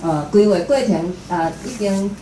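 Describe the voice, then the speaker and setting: At an indoor live talk, this event host, a woman with a Taiwanese accent, introduces a guest speaker informally. She speaks in a mellow, mid-range voice at a moderate pace, in an echoey room with some faint noise.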